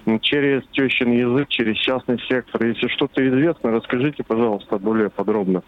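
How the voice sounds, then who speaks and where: A man's voice: mid-range voice, fairly quick. A man calling in to a radio show over a crackly phone line that keeps breaking up, asking his question hesitantly and restarting his sentences. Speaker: caller. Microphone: telephone. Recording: lo-fi phone call with dropouts.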